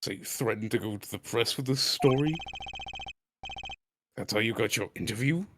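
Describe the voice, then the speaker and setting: A man's voice: lowish voice, moderate pace, background noise. A man streaming a courtroom game, chatting casually and reading its dialogue aloud. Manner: joking, reads dialogue with quote marks.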